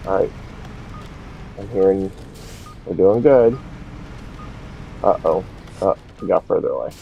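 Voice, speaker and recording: Gravelly low guy rambling to himself while streaming a game, muffled lo-fi audio. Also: measured pace, a little hiss or hum. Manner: rambling, talks to himself as he plays. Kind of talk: casual live gameplay commentary.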